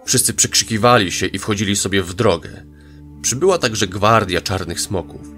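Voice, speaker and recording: Deep-voiced male fantasy narrator. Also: animated, normal speed, a bit bright. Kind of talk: audio drama narration. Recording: narration over faint music.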